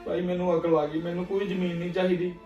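A man's voice: high-pitched, monotone, mellow, reverberant, lo-fi sound, faint music behind, natural voice. An actor playing a young man who pleads with his sister for forgiveness after losing his land. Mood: pleading. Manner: pleading, repentant, with many pauses. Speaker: brother.

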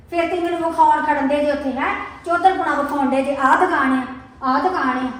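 A very high, sharp voice of an angry young wife, played by a woman, scolding again and again. She is picked up from a distance in a strongly echoing room, with faint noise behind. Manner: reproachful, sharp, repeats herself. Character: angry young wife confronting her lying husband. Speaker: wife in a family drama.

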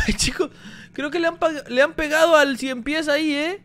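A man giving energetic gameplay commentary, talking straight to his viewers. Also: very high-pitched, normal speed. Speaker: gaming YouTuber.

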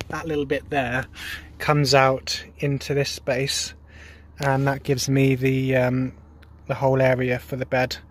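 A man's voice: medium pitch, slight background noise. A man giving a casual, rambling vlog walkthrough, filmed outdoors on a handheld phone. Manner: relaxed, rambling with many ums and restarts. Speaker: vlogger. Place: outdoors at a rural charging station and van.

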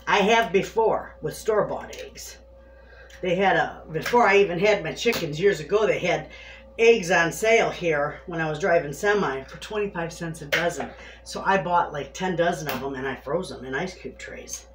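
Prepping food at home, this woman talks to her viewers in a chatty, homey, direct style for her homesteading cooking channel. Her fairly low voice moves at normal speed, with faint music behind it and clear background noise in the echoey kitchen.

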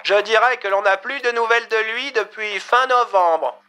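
A sharp-voiced woman on the phone, set well above a man's usual pitch, put on by a male storyteller. She answers each question with curt reproach, in a storybook audio drama. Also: moderate pace, clear, resonant tone. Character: adult woman on the phone from a university.

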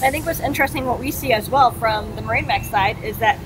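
A woman in her thirties hosting an outdoor interview beside a boat, asking quick, upbeat questions. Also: fairly high pitch. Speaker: interview host. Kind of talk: casual interview. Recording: outdoor noise behind.

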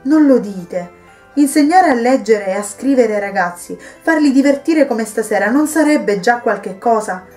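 A woman reading the lines of a kind, devout wife and mother who gently persuades a troubled guest to stay. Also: fairly high pitch, expressive, normal speed, soft background music, lightly acted. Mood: gently persuasive. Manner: warm, patient pleading.

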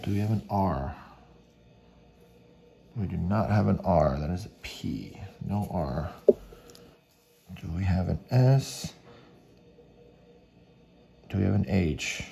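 A man's voice: fairly low pitch, gravelly, warm tone. A man giving casual running commentary as he works, muttering to himself in short fragments and spelled-out letters. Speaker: host of a scratch ticket video.

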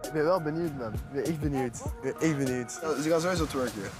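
A man's voice: fairly high pitch, fast, over music. A man chatting casually and asking teasing, curious questions. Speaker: reality show contestant. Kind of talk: casual chat.

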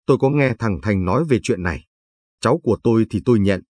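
A man's voice: on the low side, lively intonation, quick pace, a little mellow, husky, no room sound. A man reading the lines of a haughty, displeased older mother-in-law in a spoken story. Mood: cold. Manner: cold, dismissive.

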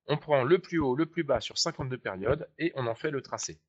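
A man leads a live webinar tutorial, talking in a chatty, explanatory way and checking that viewers follow along. His voice sits at an ordinary middle pitch. The sound is dull and lo-fi. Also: expressive, a little fast, husky. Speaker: trading software trainer.

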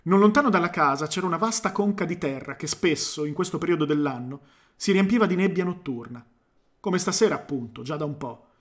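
A man reading a short story aloud into a microphone, now and then pausing to correct himself. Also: on the high side. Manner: reads aloud, stops to correct himself and comment. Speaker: reader. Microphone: studio microphone.

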